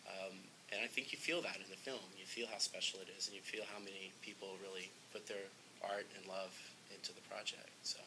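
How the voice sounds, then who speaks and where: Low-voiced male director, earnest and halting, interviewed over clear background noise. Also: steady tone. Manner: earnest, gets emotional, frequent ums and uhs. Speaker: film director. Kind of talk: interview, storytelling.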